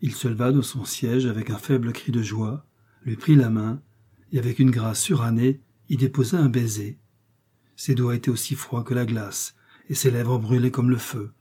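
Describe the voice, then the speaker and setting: Mellow, husky male storyteller. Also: mid-range voice, steady tone, normal speed. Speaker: narrator. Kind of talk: audiobook narration.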